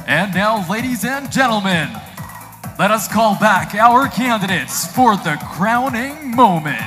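A pageant host announcing formally, in a ceremonious, drawn-out way. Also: mid-range voice, animated, sharp tone. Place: on stage in a large gym. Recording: music behind, live gym PA.

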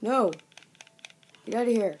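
A woman narrates her own game in a slow, unhurried way. Her voice is low, husky and dark. She jokes with her viewers and bursts out loudly when things go wrong in the game. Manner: chatty and jokey, talking to viewers; excitable outbursts during play. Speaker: gaming video creator. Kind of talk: let's play game commentary. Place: at home.

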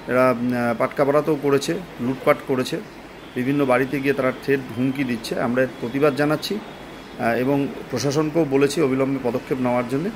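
A man gives a political statement in a halting, deliberate way, speaking into a phone at arm's length in a small room. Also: mid-range voice, slight background noise, poor audio. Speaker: local political party leader. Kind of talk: spoken political statement to camera.

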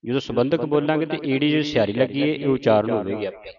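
Man, pronunciation teacher, slow chanted verse readings, patient explanations, muffled lo-fi sound, group audible nearby. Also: mid-range voice, crowd noise. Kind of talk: recitation and pronunciation lesson.

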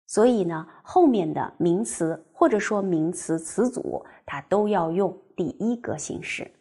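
A woman teaching a language class, explaining step by step and reading example sentences slowly and clearly. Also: mid-range voice, darkish tone. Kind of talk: recorded classroom lecture.

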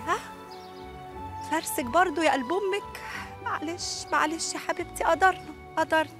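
A woman with a high-pitched voice plays, with light acting, an affectionate middle-aged Egyptian mother and neighbor who calls everyone darling. Speaking in an Egyptian Arabic accent, she's tender, reasoning and soothing. Music plays in the background.

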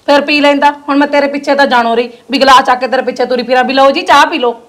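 A woman's voice: high-pitched, steady tone, quick pace, fairly bright tone. An actress playing a resentful, quarrelsome young wife who nags her husband, with a Punjabi accent. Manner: quarrelsome, nagging.

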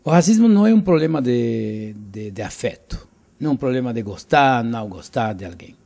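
Older Cuban man, gravelly and husky. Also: mid-range voice, lively intonation, a little fast, dark tone. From Cuba. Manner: earnest, emphatic, repeats and restarts words. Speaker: interviewee, author. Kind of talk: interview answers. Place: living room, indoors. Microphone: handheld mic held by interviewer.

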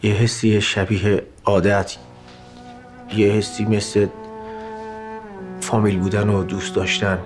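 A man's voice: lowish voice, level tone, pauses often, faint music behind, close to an everyday voice. An actor playing a young man who coldly brushes off his cousin's feelings, speaking in a curt, dismissive way. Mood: cool. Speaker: actor in a TV drama. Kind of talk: TV drama acting.

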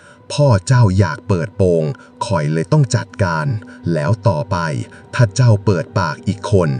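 An actor playing a sinister older village uncle with an Isan Thai accent, slow and menacing behind a show of kindness. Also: male voice, lowish voice, expressive, a little mellow, recorded from a distance, soft background music, natural voice. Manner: slow, menacing, falsely kind.

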